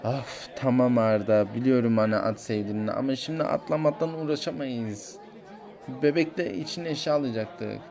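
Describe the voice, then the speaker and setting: Man putting on a pregnant mother, lower voice, weary, sighing, put-upon, toy play story. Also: moderate pace, gravelly, a little mellow, a faint crowd, natural voice. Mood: tired. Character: tired, heavily pregnant young mother. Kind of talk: toy figure play-acting.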